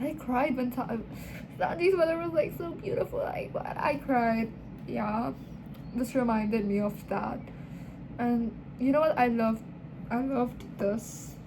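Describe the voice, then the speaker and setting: A woman's voice: on the high side, noisy background. A young woman chatting casually in a reading vlog, gushing and rambling about a book. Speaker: book vlogger.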